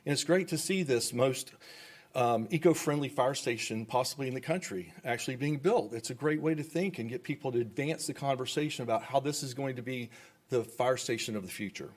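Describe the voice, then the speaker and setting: A man speaking at a public meeting in an upbeat, salesmanlike way. His voice sits at an ordinary middle pitch, and he talks with a developer's enthusiasm.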